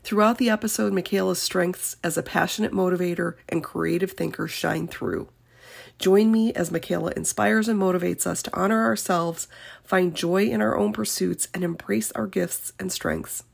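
At normal speed and with a steady tone, a woman reads her podcast's scripted introduction as host. A cold she's getting over makes her fairly low voice creaky, husky and scratchy, though she remains upbeat and encouraging.

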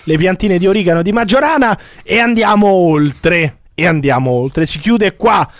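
Male podcast co-host, high pitch, protesting, dry mic. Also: animated, moderate pace, dry recording. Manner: flustered, protesting denials. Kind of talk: comedic podcast banter.

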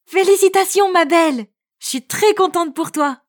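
Uma mulher dá voz a uma moça objetiva e calorosa nas palavras, de timbre alto. Som limpo e seco, sem reverberação. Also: female voice, very high-pitched, normal speed, studio quality. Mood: happy. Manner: direct, cheerful. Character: down-to-earth, direct young woman friend.

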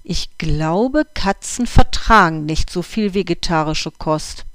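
A storyteller voicing Oskar, a calm and experienced male house cat who explains things patiently, in a dry recording. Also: medium pitch, slow pace, clear, resonant tone, no echo.

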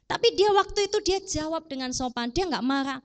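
A woman preacher giving a sermon in a casual, animated way, asking the congregation rhetorical questions. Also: high voice, fairly quick.

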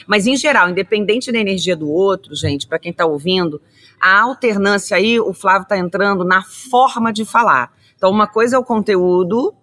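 A woman's voice: mid-range voice, normal speed, a bit bright. A woman with a Brazilian Portuguese accent, a communication trainer guest in an interview, speaking directly and energetically, often addressing the listeners. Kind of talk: conversational interview.

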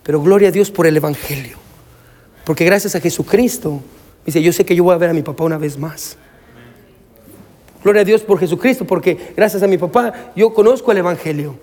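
A male pastor preaching a sermon to his congregation. He presses his points emphatically, then slows and softens while telling a personal story. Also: fairly high pitch. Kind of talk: Spanish-language sermon. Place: church sanctuary. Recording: long reverb of a large church hall.

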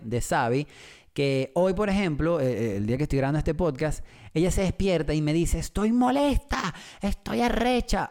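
A man's voice: a little high, a little mellow. A man hosting a casual podcast monologue, rambling and joking with many restarts. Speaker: podcast host.

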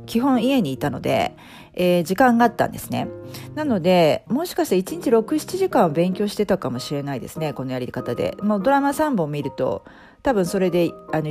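Middle-aged woman chatting on a podcast, bouncy pitch, soft music under her. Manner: many fillers and restarts, lively pitch. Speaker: podcast guest, life coach. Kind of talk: casual interview talk.

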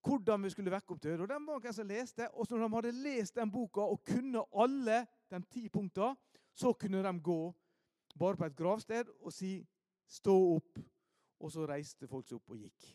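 Preacher, male, high-pitched, animated storyteller swinging from loud emphasis to quiet asides. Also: no echo, studio quality. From Norway, Ålesund. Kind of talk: storytelling sermon.

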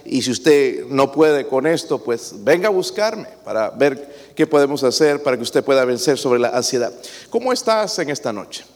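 A man's voice: medium pitch, very animated, normal speed, a little mellow, in a large hall. A man preaching a sermon as pastor, asking his congregation questions as he goes.

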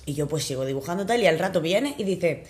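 Young woman, kinda tipsy, telling a story all excited, giggly, casual podcast chat. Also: fairly low pitch, fast talker. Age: young adult. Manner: animated, excitable, laughs often. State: a little tipsy.

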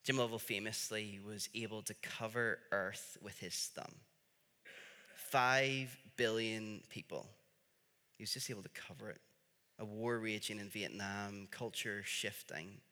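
A man preaching in a storytelling style, with dramatic pauses and emphatic repetition. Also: fairly low pitch, sharp tone. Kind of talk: storytelling sermon. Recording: reverberant large-room sound.

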